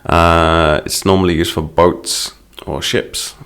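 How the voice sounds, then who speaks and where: A man's voice: low-pitched, little pitch movement, takes it slowly, fairly bright tone, smooth. A man teaching English by explaining song lyrics line by line, in a patient, explanatory manner.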